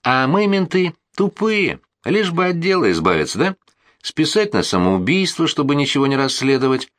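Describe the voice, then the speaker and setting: Male reader voicing a mocking police colonel, lively swooping delivery, dry close sound. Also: fairly high pitch, normal speed, no echo, voice pushed up. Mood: sarcastic.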